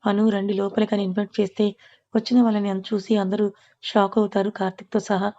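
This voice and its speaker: Woman reading a story out loud, flat even tone, dull lo-fi sound. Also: medium pitch, fast. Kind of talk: reading a serialized story aloud.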